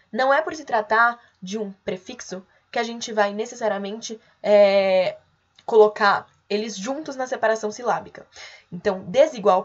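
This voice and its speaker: A young adult woman teacher with a fairly high voice walks students through a grammar lesson. She explains in a patient, clear way and calls out the example words as she goes. The recording sounds muffled and lo-fi.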